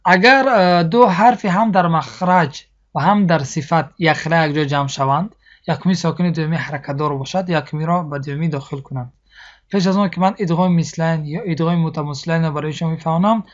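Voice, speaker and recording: A teacher gives a recorded lesson on Quran recitation rules. They explain patiently, repeat each point, slow down to model the sounds and keep checking that students follow. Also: medium pitch.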